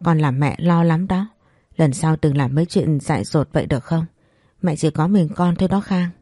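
Woman doing an enraged rich mother, cursing, deep dark voice, dry sound. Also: moderate pace, husky, no echo. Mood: anxious. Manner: shrill scolding, cursing. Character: furious, hysterical rich middle-aged mother.

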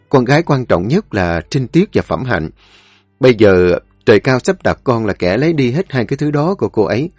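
A man's voice: medium pitch, a little mellow, no echo. A man voicing an earnest, polite young man, in an audio story.

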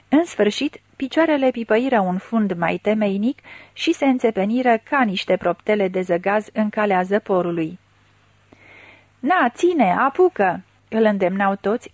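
A woman reads a literary story aloud with measured, dramatic storytelling. Her voice sits in an ordinary middle pitch and sounds dry and close, with no room around it. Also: darkish tone, no echo. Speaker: audiobook narrator. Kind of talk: literary audiobook reading.

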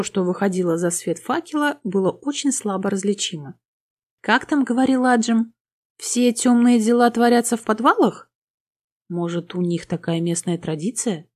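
A woman reading a fantasy audiobook with lively, playful storytelling. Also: a little high. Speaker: audiobook narrator. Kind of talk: expressive fantasy audiobook narration.

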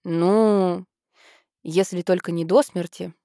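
A woman's voice: fairly low pitch, fairly even intonation, dark tone, no room sound, clean studio sound. A woman voicing a bossy, decisive teenage girl who writes plays, in an audiobook. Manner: brisk, decisive. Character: teenage girl Harriet, bossy aspiring playwright.

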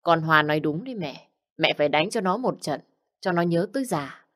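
A woman's voice: sits low, lively intonation, moderate pace, a bit bright. A woman voicing a spoiled, spiteful young woman who accuses and demands punishment. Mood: accusing.

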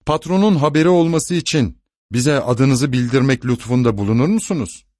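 A man's voice: medium pitch, animated, moderate pace, darkish tone, no echo, clean studio sound, lightly acted. A man reading as a brash young clerk. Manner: brash, insistent. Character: young male law clerk, cocky bettor.

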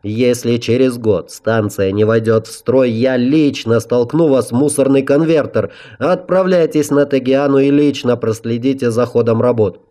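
A man's voice: mid-range voice, normal speed, few pauses, warm tone, close to an everyday voice. Asigal, a man voicing a furious council head. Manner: furious, hissing threats.

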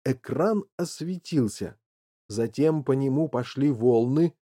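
An audiobook narrator reading a children's story in an expressive, measured way. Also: mid-range voice. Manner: animated, measured.

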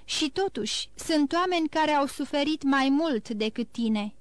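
A woman's voice: high-pitched, animated, dry recording. A woman voicing a grim, curt male bandit chief who speaks coldly and unmoved, in an audiobook. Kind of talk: audiobook reading.

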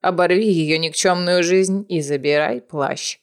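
A woman voicing a cruel, imperious old witch matriarch in a storybook reading, speaking slowly and low. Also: clean tone, lightly acted. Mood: cold, commanding.

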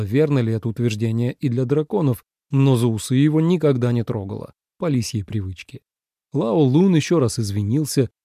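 Gravelly dark-voiced male narrator. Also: medium pitch, no echo, clean studio sound. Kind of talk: audiobook narration.

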